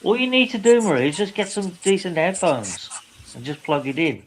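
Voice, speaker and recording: Blunt British man, higher-pitched voice. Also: sing-song, fairly quick, slight background noise, poor audio. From Britain. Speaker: guest on a live open-topic stream. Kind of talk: casual chat.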